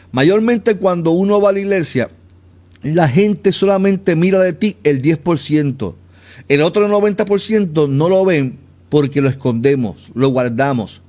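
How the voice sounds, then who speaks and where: A man's voice: a little high, a little mellow. A man giving an informal devotional sermon for his podcast, speaking to the listener directly and often stumbling and repeating words as he looks for them.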